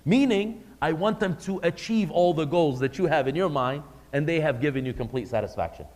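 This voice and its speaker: A man's voice: on the high side, lively intonation, fairly quick, a little mellow. A man giving a religious lesson to a live class, speaking conversationally and putting questions to the audience. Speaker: religious teacher. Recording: long hall reverb.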